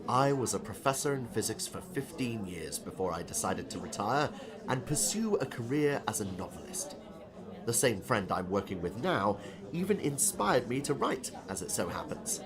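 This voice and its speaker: In an audiobook drama, a man plays an older retired professor and novelist who is genial and a bit corny, modest and amiable in mood. His measured, courteous delivery carries gentle philosophical warmth, with expressive, wide pitch swings. A crowd murmurs in the background.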